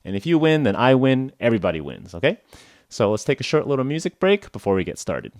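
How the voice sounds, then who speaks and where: A young man from Oklahoma in the United States hosts a podcast for English learners, speaking quickly in a mid-range voice with huge pitch swings. He keeps it casual, full of "uh" and "like" and jokes at his own expense.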